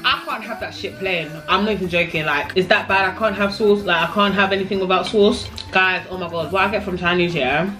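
Young london girl vlogging in her kitchen, bright sharp voice, cursing a lot, bit of music behind. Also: mid-range voice, steady tone, a little fast, few pauses. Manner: slangy, swears freely, chatty. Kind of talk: casual vlog chat. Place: home kitchen.

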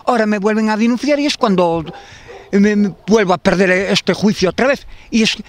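In a garden street interview, a fifties-aged man from Galicia, Spain, speaks at normal speed in a high-pitched voice into a handheld interviewer mic. Facing eviction as a tenant, he rambles, repeating himself and restarting often.

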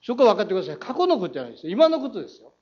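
A man's voice: high-pitched, wildly swooping pitch, very fast, a little mellow, husky. A man questioning the mayor on a city council floor, combative, with a Saga accent, rhetorical challenges and quoted passages read aloud. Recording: dull lo-fi council chamber audio.

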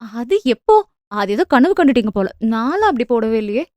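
A woman's voice: fairly high pitch, very animated, darkish tone, dry recording, clean studio sound. Woman doing a cheeky young wife. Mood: playful. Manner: quick, cheeky banter.

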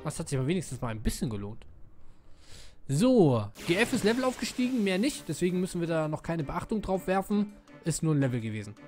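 Ein lässiger Mann kommentiert sein Spiel mit eher heller, stark auf und ab springender Stimme und wirkt dabei schnell begeistert. Im Hintergrund läuft leise Spielmusik. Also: male voice, a little high, fast talker. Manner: casual, excitable. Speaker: let's player. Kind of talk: gameplay commentary. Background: game music.

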